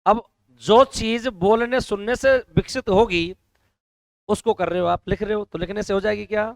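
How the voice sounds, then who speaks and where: A male teacher with a hoarse throat, lecturing a classroom and loudly quizzing the students to answer together. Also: high voice, steady tone, moderate pace, no room sound. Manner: loud call-and-response questioning of students.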